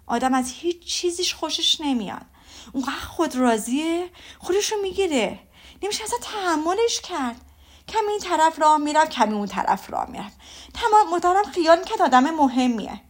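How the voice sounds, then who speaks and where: A woman reading aloud voices a gossiping middle-aged mother who gushes excitedly. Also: sits high. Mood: indignant. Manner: gushing and breathless.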